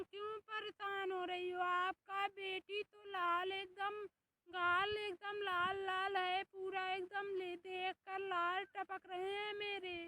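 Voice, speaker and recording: A woman's voice: extremely high pitch, bright, forceful tone, exaggerated voice. A woman voicing a gluttonous, pushy male buffalo in a comic skit. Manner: pushy, wheedling.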